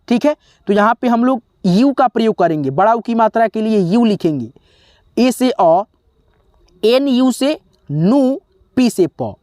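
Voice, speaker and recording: A man teaching a spelling lesson, slowly sounding out letters one by one and often pausing to check in with his viewers as friends. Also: sits high, darkish tone, dry recording, clean studio sound. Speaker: English teacher.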